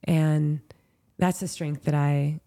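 Candid low-voiced woman telling a story. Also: fairly even intonation, slow pace, vocal fry, mellow. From Southern California. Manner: heartfelt, candid, lots of "like" and "you know". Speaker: professional trail runner, guest. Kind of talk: emotional storytelling in a podcast interview.

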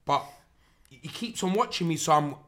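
Bright-voiced young London roadman, slightly high. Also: expressive, moderate pace. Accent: London, urban street (roadman) style. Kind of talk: animated casual chat with slang-heavy storytelling.

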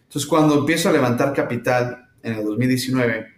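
A middle-aged man from Mexico with a Mexican accent, answering interview questions thoughtfully with many pauses and fillers. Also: medium pitch. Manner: thoughtful, hesitant with frequent fillers. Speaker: startup founder, guest. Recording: roomy echo.

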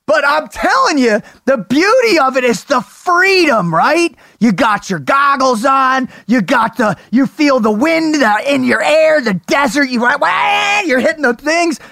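An American man hosting a show, telling stories in an animated, slangy, bro-ish way. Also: extremely high pitch, measured pace, vocal fry, hardly any pauses, no echo, clean studio sound. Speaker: host of an interview show. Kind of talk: casual chat and storytelling.

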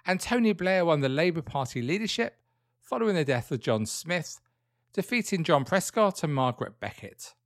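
A man's voice: on the high side, animated, normal speed, no echo, clean studio sound. A British man hosting a true crime podcast, narrating from a script in a conversational way with dryly wry asides. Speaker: podcast host.

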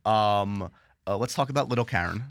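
A man's voice: lowish voice, normal speed, vocal fry, dry recording. A man hosting a casual interview, rambling through his questions with dry jokes. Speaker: podcast interviewer.

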